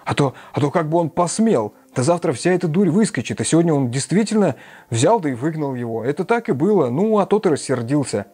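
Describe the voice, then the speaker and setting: A man voicing a drunk, excitable young male friend who blusters loudly. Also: a little high, brisk, husky, voice pushed up. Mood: blustering. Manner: loud, blustering.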